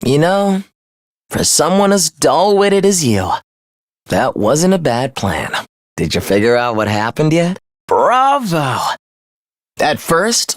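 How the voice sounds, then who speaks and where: On the high side and recorded cleanly in a studio with no echo, this young man performs video game character acting. His role is a smug, mocking young villain living inside someone's head, and his delivery is condescending and theatrical.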